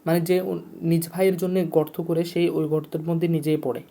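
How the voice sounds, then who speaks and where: A teacher explaining vocabulary in a lesson, repeating each word and its meaning over and over. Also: male voice, fairly high pitch, little pitch movement, fairly quick, dark tone. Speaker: Urdu teacher.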